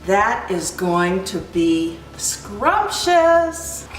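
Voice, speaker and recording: A woman hosting a cooking demonstration, explaining each step in a chatty, unhurried way. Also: mid-range voice, sing-song, distant mic. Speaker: cooking host. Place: kitchen. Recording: echoey kitchen, from afar, light music.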